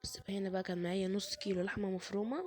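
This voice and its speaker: A hoarse woman with an Egyptian accent, chatting to her viewers while cooking in a home kitchen. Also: medium pitch, level tone, rapid-fire, darkish tone, slight background noise. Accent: Egyptian Arabic. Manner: chatty, addresses viewers directly. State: hoarse, sore chest, fasting. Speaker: cooking vlogger. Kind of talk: casual chat narrating cooking.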